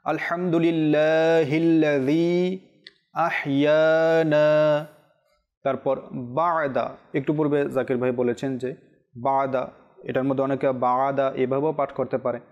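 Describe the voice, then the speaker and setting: A man teaching correct pronunciation on a televised religious lesson, explaining slowly and chanting Arabic examples. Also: mid-range voice, level tone, highs cut off. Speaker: Quran recitation teacher.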